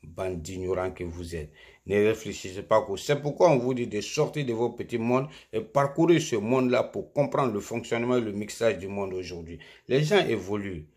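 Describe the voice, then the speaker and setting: A man's voice: on the low side, normal speed, darkish tone. A man delivering a scolding political monologue, insulting his listeners and rising to emphatic peaks. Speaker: political commentator.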